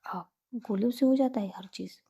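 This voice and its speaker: A playful young woman in love who teases and puts on a brave front, as a woman storyteller voices her. The voice is mellow and dark with a husky, breathy grain. A touch of vocal fry sits underneath. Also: on the high side, a little fast. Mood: teasing. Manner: teasing, mock-brave.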